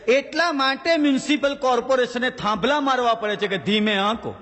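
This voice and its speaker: A man's voice: very high-pitched, a little fast, big-room sound, noisy background. A man doing a stand-up comedy monologue with a Gujarati accent, telling anecdotes and slipping into character voices for the punchlines.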